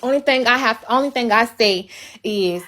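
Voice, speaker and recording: A young woman rants to her livestream audience in a casual, unfiltered way. Her voice sits a little high, and she swears freely, hammering each point home. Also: moderate pace, sharp tone, a little hiss or hum. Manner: blunt, profane, emphatic ranting.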